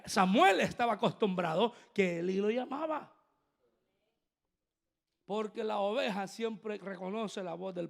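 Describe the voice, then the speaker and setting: A man preaching a fervent sermon in a high, gravelly voice. He drops to quiet asides, then climbs into loud, driving emphasis. He keeps talking straight to his congregation and has them repeat after him. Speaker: apostle preaching.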